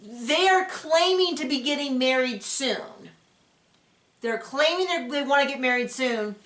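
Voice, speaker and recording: Woman, fairly high voice, rambling casual recap chat, echoey room. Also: measured pace, a bit bright. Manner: rambling and chatty, acting out quotes. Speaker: podcast host recapping a reality show. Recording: roomy echo.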